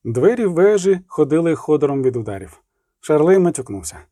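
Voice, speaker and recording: A man reading a fantasy novel as an audiobook narrator, steady and expressive. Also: fairly high pitch, a little fast, no echo, clean studio sound. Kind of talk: scripted narration.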